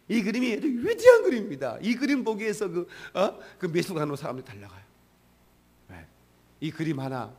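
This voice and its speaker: A male pastor giving a sermon in a church service, preaching in a conversational way and often prompting the congregation. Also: fairly high pitch.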